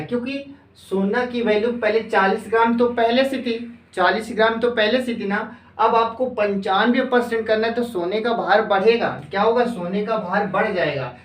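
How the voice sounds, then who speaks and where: A coaching-class teacher giving an exam-prep math lesson, asking questions and answering them, repeating phrases slowly as if dictating. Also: medium pitch, recorded from a distance. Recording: echoey room, voice off-mic.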